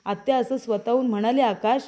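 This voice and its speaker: A frightened young wife from a TV serial pleads and insists that she is telling the truth, voiced by a woman narrator. The voice is slightly high and mellow, and it is full of anxious urgency. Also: fairly even intonation, a little fast, lightly acted. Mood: insistent.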